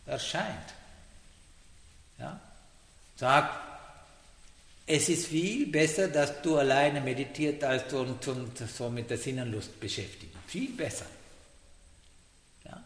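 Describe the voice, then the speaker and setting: A man giving a meditation talk in halting German, often checking in with a questioning "ja?". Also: mid-range voice, a bit bright. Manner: halting non-native German, frequent "ja?" checks. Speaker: meditation teacher. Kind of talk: dharma talk. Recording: echoey hall, faint noise.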